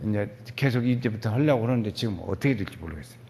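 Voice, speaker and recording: An older man preaching a sermon as a pastor, animated and acting out quoted dialogue, sounding weary and foggy-headed. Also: on the low side, racing. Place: church sanctuary. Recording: long church hall reverb.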